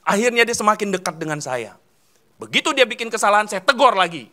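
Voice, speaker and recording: A man's voice: high-pitched, expressive, fast talker. A man, a pastor preaching a sermon in a church hall, asking the congregation questions and answering them himself. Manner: swings between loud emphatic calls and soft dropped endings.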